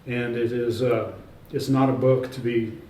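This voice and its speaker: A man being interviewed about his own work, talking in a loose, rambling way full of fillers and restarts but sure of himself and emphatic. His voice is mid-pitched and mellow. He sits a little back from the mic in an echoey indoor room, with a faint hum of ambience behind him. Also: level tone, measured pace, recorded from a distance. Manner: emphatic, self-assured. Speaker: author and researcher, interview guest. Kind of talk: casual in-person interview.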